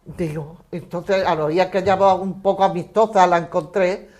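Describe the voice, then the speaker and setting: An older woman, a survivor, recounting a personal memory in an earnest, halting way with many restarts. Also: fairly low pitch, fairly even intonation, darkish tone. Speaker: war survivor giving testimony.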